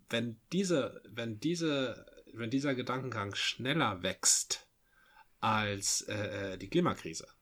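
A man's voice: on the low side, a bit bright. Man, plain conversational voice, explains his point and checks in with tag questions. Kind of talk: casual political discussion.

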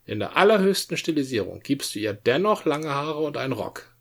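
Man explaining with measured emphasis. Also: fairly high pitch, sing-song, vocal fry, fairly bright tone. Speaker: podcast co-host. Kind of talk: casual podcast chat.

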